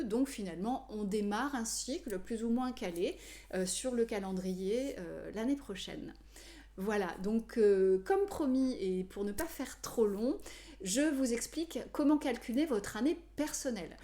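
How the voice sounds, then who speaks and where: Hesitant French woman, mellow voice. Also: medium pitch, expressive. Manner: measured, frequent hesitations with "euh". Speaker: numerology coach. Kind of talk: explanatory video talk to viewers.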